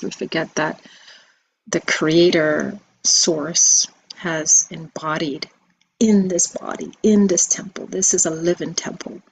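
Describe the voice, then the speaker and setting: A woman giving a spiritual message video, soft-spoken and reflective, with many pauses and ums. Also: low-pitched, vocal fry, a little hiss or hum, low-quality recording. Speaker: spiritual teacher.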